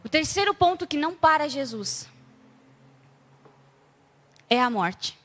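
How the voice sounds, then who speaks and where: A Brazilian woman preaches in a casual, storytelling way, acting out each scene with lively energy. Her voice is high and bright. A long church-hall reverb trails behind her words. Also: slow pace. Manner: conversational, acts out scenes animatedly. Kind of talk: sermon.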